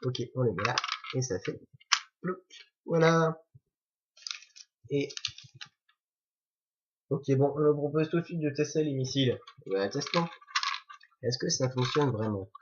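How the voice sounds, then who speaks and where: Man, toy reviewer, chatty and jokey, middle pitch, slightly husky, lo-fi muffled recording. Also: a little slow, long pauses, background noise. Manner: chatty, jokey, self-correcting. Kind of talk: casual building commentary. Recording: dull lo-fi recording.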